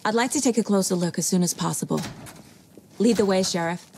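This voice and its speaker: A woman's voice: mid-range voice, brisk, darkish tone, a little hiss or hum, close to an everyday voice. A woman playing a businesslike FBI agent in a video game, serious and direct. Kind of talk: naturalistic video game acting.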